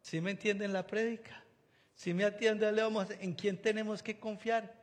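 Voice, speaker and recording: A man with a high, bright voice preaches a lively sermon. He acts out the people he quotes and keeps asking his listeners questions. Long reverb hangs on his words, as in a church hall. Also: normal speed.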